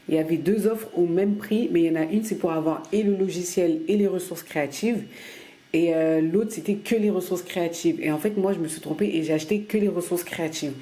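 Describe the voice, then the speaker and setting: A woman's voice: on the low side, warm tone. A woman from France chatting casually to camera in her weekly vlog, rambling with many fillers and restarts. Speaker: vlogger.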